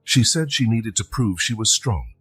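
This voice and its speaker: An earnest little girl speaks softly in a lifted voice, a man reading her part. She is the older of two sisters, and she sounds tender and pleading. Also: lowish voice, lively intonation, normal speed, husky, voice pushed up, heavily acted.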